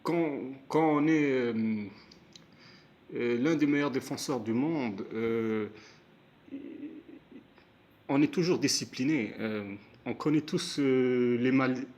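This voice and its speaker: A man shares his view of a football match at an unhurried pace. He pauses often, fills gaps with hesitation sounds and restarts his sentences, and his voice sits at an ordinary middle pitch. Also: a little mellow. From Canada, Montreal area. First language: Moroccan heritage; first language not stated. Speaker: amateur football commentator. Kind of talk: casual spoken match analysis.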